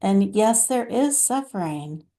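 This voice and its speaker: A patient, loving divine mother spirit, channeled by a woman, speaking in a very slow, unhurried way. Her voice is mellow and soft, and she addresses listeners tenderly as her children in a channeled spiritual message. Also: mid-range voice, lively intonation, voice pushed up. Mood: compassionate.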